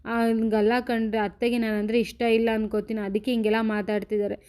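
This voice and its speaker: A woman's voice: a little high, little pitch movement, fairly quick, darkish tone, clean tone, natural voice. Woman doing a young wife who gets hurt easy, pleading and a bit raised.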